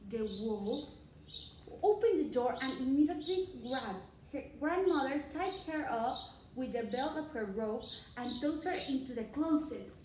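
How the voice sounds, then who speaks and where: A woman reading a picture book aloud slowly, correcting herself and adding little asides. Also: high-pitched, lively intonation, darkish tone, a little hiss or hum. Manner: slow, with self-corrections and asides. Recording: echoey room, far from mic, birdsong.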